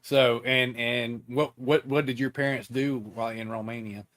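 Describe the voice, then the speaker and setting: A man hosting a casual interview show, folksy and halting, with many fillers and restarts. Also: mid-range voice, steady tone, fairly bright tone. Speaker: podcast host.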